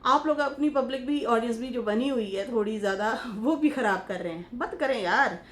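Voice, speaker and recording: High-voiced woman scolding in commentary. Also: moderate pace, fairly bright tone. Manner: chatty and scolding, breaks into mocking impressions. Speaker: YouTube commentator. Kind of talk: casual reaction commentary.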